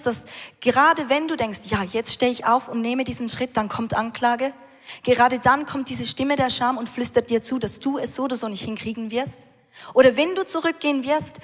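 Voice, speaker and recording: A woman preaching a sermon who speaks straight to the listener and builds up to passion. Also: a little high. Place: large church hall. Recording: reverberant church hall.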